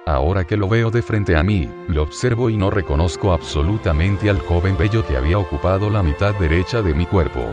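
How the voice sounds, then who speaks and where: Deep-voiced man narrating a vision slowly. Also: muffled recording, over music. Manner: measured, deliberate, descriptive. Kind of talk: slow scripted narration of a visionary account.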